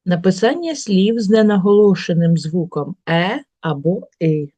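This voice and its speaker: A middle-aged woman teacher giving a workbook lesson to schoolchildren, reading out example words slowly and carefully. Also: lowish voice, warm tone, no echo. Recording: dull, lo-fi recording.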